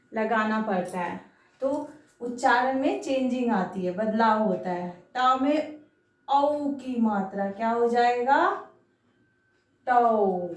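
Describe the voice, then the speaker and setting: A woman's voice: a little high, echoey room, distant mic. A woman teaching a children's lesson on Hindi vowel signs, patient, stretching syllables out and asking frequent questions.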